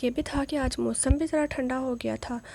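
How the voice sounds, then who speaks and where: A young woman talks through her day in a loose, rambling vlog style, full of fillers. Her voice sits a bit high and carries a gravelly edge. A faint hiss of noise sits behind her. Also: fairly even intonation, normal speed, dark tone. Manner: chatty, rambling, with many fillers. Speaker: vlogger. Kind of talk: casual vlog narration.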